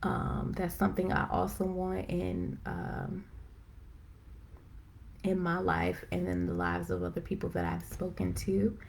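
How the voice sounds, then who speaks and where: A woman hosting a live stream, chatting casually and excitedly with lots of fillers, rambling as she goes. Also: on the low side, vocal fry, a little hiss or hum. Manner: excited, self-described as talking fast. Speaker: host of a live video chat. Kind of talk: casual faith-based chat. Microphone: phone or computer for a live stream.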